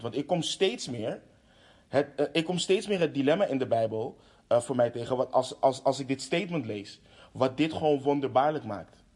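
A preacher delivering a sermon, impassioned, with restarts and fillers. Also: male voice, medium pitch, a little mellow.

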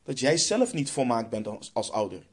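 A man's voice: mid-range voice, big pitch swings, moderate pace, husky. Emphatic Dutch preacher man. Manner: emphatic, repeats phrases for stress. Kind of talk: sermon.

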